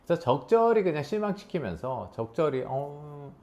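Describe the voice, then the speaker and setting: A man lecturing an audience as a coach, his voice swinging up and down in lively pitch. He talks in a middle range and keeps it animated, slipping into quoted voices now and then. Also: normal speed, dull audio. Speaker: coach giving a talk on relationships.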